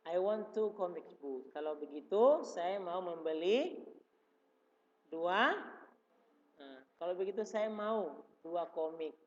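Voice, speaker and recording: Guru laki-laki yang bicara pelan dan sabar. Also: male voice, high-pitched, expressive, slight background noise. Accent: Indonesian. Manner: slow, patient, repeats each phrase. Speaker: religious school teacher. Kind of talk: classroom explanation. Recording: dull reverberant room recording.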